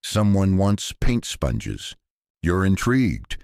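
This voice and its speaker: A man with a very low, deep voice reads a calm scripted sleep story in a soft-spoken, unhurried way with a gently wry touch. The sound is close and dry, with no room around it. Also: creaky, clean tone, no room sound.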